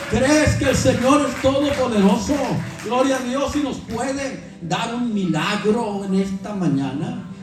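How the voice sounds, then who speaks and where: A man's voice: high-pitched, distant mic. A man preaching a sermon and reading scripture aloud, pressing the congregation with emphatic questions. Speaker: pastor. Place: church sanctuary. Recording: echoey church with music behind.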